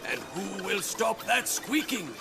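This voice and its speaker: A man's voice: high voice, big pitch swings, unhurried, music in the background. A man voicing a pompous cartoon storyteller with a dramatic movie trailer delivery. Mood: suspenseful. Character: young male cartoon sidekick narrating in pompous storybook voice. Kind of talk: scripted cartoon narration.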